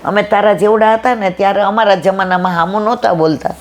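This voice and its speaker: A middle-aged woman telling a devotional story at a satsang, acting out the dialogue with lively expression. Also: mid-range voice, quick pace. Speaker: satsang speaker.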